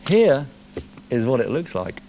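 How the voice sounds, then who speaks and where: A man's voice: high voice, sing-song, normal speed, a little mellow, slight background noise. A man hosting a live television music show from a studio, reading viewer messages in a jokey, teasing, playful way.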